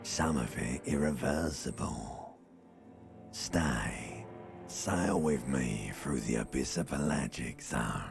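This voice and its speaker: An actor in a video game playing a sly, coaxing, ancient reptilian inner voice with a gravelly rasp. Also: male voice, very deep voice, slow pace, exaggerated voice. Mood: coaxing, ominous. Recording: music under the voice.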